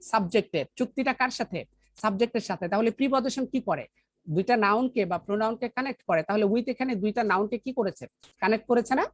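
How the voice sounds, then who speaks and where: A woman with a Bangladeshi accent teaches an English grammar lesson, asking questions and answering them herself while reading the English examples slowly. Her pitch is fairly high, and the recording is dry.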